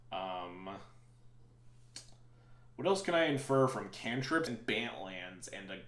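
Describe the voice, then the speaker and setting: A lower-voiced man talks to his stream while he plays a card game, rambling and thinking aloud with a dry, sarcastic edge. His pitch swings up and down a lot as he reasons through each move. The sound is roomy, with a clear echo around him. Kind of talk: casual live-stream commentary.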